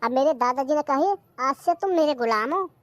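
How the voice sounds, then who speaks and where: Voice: sits high, animated, normal speed, no echo. A voice actor doing a bragging cartoon villager. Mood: boastful. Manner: bragging storyteller. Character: boastful young villager spinning a tall tale. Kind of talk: cartoon comedy voice acting.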